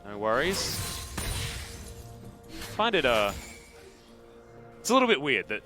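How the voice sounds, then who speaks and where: A man with an Australian accent calling esports play-by-play, excitable and jokey. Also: medium pitch, soft background music. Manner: excitable, jokey, fast bursts of rising calls. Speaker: esports caster. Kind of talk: play-by-play commentary.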